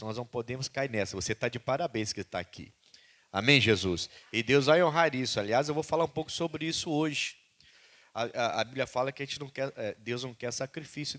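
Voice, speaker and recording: A man's voice: medium pitch, fairly bright tone. A man, a pastor, preaching a sermon and voicing God's questions with rising intensity.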